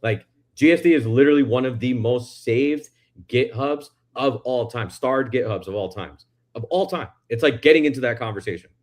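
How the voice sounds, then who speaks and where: A man hosting a casual livestream chat, loose and excitable, swearing freely. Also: mid-range voice, normal speed. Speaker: stream host.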